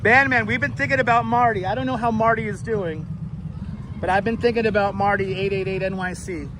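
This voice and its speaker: A man's voice: sits high, steady tone, fairly quick. A man with a Brooklyn accent chatting casually as a livestream host, blunt and salty, often repeating his phrases. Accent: Brooklyn New York. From New York City. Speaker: live streamer and host. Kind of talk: casual street livestream chat. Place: outdoors on a Manhattan street. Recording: outdoor city street, clear traffic noise.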